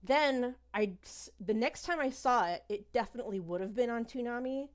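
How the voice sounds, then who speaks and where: A woman in her thirties chats casually as a podcast guest, rambling a bit, poking fun at herself, and hesitating often with ums. Her voice is a little high and expressive, at a normal speed.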